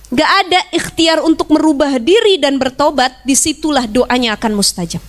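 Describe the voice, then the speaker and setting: A woman's voice: high-pitched, moderate pace. A young woman preaching a chatty, joking sermon to a women's gathering, laughing often and acting out the people she quotes. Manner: acts out quoted voices. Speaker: Islamic preacher.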